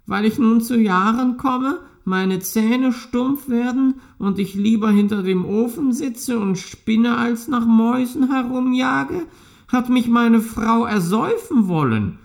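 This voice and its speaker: A man's voice: extremely high pitch, slow pace, creaky, pitched above the performer's own voice, exaggerated voice. A man putting on a whiny old tomcat. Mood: klagend. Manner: whiny, tearful pleading. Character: weary, ageing male cat, plaintive.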